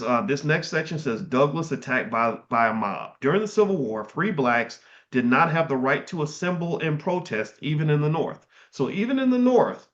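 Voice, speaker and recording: A middle-aged man reads passages from a history book aloud, breaking off now and then to comment casually. His voice is a little high and a bit bright, and the recording sounds dull and slightly lo-fi.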